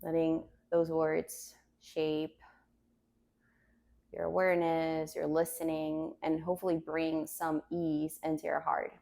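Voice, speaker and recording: Female meditation teacher, calm grounding delivery, very slow and gentle, some vocal fry. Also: deep voice. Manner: calm, gentle instruction with unhurried pauses.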